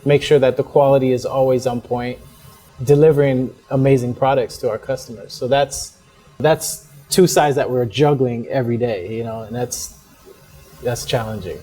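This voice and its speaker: Man, young adult, interview guest, relaxed, warm tone, faint background music. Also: mid-range voice, normal speed. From born in the United States, raised in Hong Kong. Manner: relaxed, laughs often, many fillers. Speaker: interview guest, fashion entrepreneur. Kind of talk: casual interview chat.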